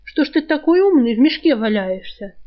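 A cautious, blunt young village girl from a storybook, as a woman reading it aloud puts her on. The voice sits a little high. The sound is dull and lo-fi. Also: sing-song, fairly quick. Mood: wary.

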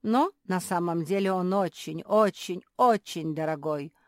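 A woman's voice: medium pitch, lively intonation, unhurried, no room sound, clean studio sound, voice pushed up, lightly acted. A woman voicing a sly old male shopkeeper with ingratiating, sing-song sales patter, in an audiobook. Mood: wheedling. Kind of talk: audiobook character voice.

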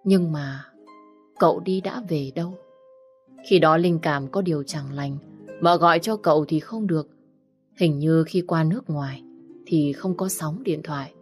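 A woman narrating a romance story in a steady storytelling manner. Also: sits low, measured pace, soft background music.

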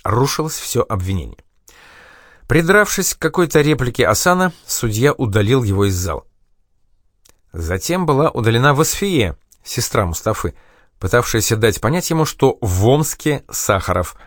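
A male audiobook narrator reads a memoir in a measured, expressive way. His pitch moves a great deal while he stays mid-range. The recording is close and dry, with no room sound. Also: no echo.

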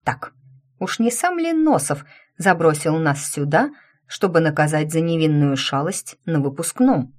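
A woman reading a first-person fantasy audiobook, lively and mocking in dialogue. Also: sits low, unhurried. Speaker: audiobook narrator.

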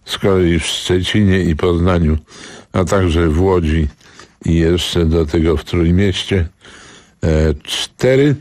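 Male radio presenter, deep and unhurried, calm weather read, dry studio. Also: no room sound. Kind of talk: reading a weather forecast.

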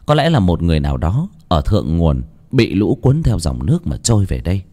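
Low-voiced, lively horror storyteller man. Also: brisk. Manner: dramatic, vivid, expressive storytelling. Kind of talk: scripted horror story narration.

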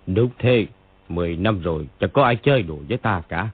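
Casting: a bitter, unhinged old stranger, raspy, low, swinging wildly in pitch; tinny dry recording. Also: male voice, lively intonation, a little fast, no room sound. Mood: mournful. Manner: brooding, bursts into angry shouts. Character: grief-crazed old male stranger, bitter and wild. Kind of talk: audiobook character voice.

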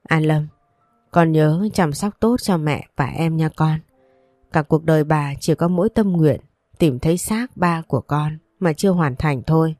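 A dying old grandmother, as a woman narrator reads her speaks feebly in a low, dark voice. Faint music plays in the background. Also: measured pace, no echo. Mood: feeble. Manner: feeble, whispery.

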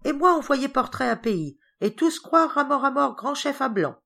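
A woman doing an excitable young manservant. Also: high-pitched, moderate pace, creaky, voice pushed up, heavily acted. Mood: eager. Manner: short broken phrases, eager and loud. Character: excitable young male servant, joyful, broken speech.

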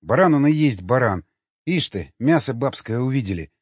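A man's voice: mid-range voice, expressive, moderate pace, darkish tone, breathy edge, dry recording. A man voicing a bitter, angry young man muttering spiteful curses to himself in an audiobook. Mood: furious. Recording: dry, slightly dull recording.

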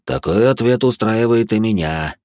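A man's voice: on the low side, lively intonation, moderate pace, darkish tone, no room sound, natural voice. A man reading an audiobook, voicing a curious healer mage who asks wry, probing questions.

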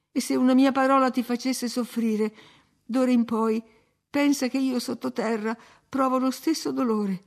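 A dying young woman in a storybook reading, bitter and feverish, her voice climbing high and loud in accusing outbursts, as a woman reader voices her. The tone is impassioned and raw. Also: creaky.

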